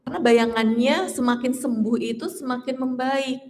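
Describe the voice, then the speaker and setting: A woman's voice: a little high, fairly even intonation, normal speed, a little mellow. A woman in her late thirties giving a casual, chatty workshop talk to an audience. She laughs often and acts out the voices of the people she quotes. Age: 30s. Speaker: trainer.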